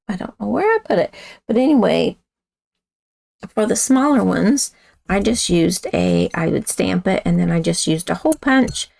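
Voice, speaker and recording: A woman with a raspy voice, chatting casually as she demonstrates a card-making craft and talks while she works. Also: mid-range voice, darkish tone, no room sound. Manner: chatty, talks while working with hands, self-correcting. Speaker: craft instructor.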